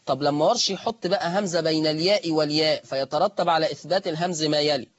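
A man with an Egyptian accent teaching Quran recitation rules step by step in colloquial speech, drawing out the example words slowly. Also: fairly high pitch, no echo, lo-fi sound. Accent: Egyptian Arabic. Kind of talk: lesson on the reading of Warsh.

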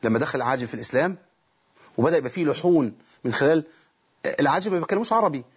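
Racing along with lively intonation, a middle-aged Egyptian man gives a TV lesson on Quran recitation rules. His voice is fairly high with a breathy edge, the audio muffled, and he questions himself, answers, and demonstrates verses.

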